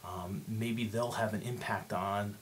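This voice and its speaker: Male teacher, lowish voice, casual explanatory screencast delivery, slight background hiss. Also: fairly even intonation, slow. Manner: conversational, explanatory, asks rhetorical questions. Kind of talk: instructional screencast lesson.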